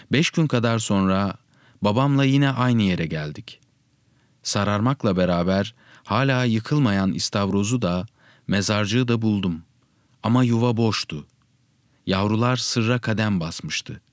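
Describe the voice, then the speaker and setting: A man narrating a first-person story in a steady, reflective reading style. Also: on the low side, dry recording, clean studio sound.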